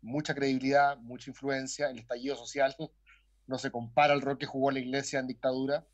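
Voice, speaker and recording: Measured man, lo-fi sound. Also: mid-range voice, little pitch movement. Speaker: philosopher guest. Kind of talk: panel discussion.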